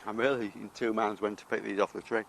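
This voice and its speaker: A man's voice: fairly low pitch, fairly even intonation, fast, vocal fry, a little hiss or hum. A British man talking casually as he walks round his allotment garden, chatty and self-deprecating. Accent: British English. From United Kingdom. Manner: chatty, self-deprecating, talks while eating. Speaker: allotment vlogger. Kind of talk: casual garden vlog walk-through.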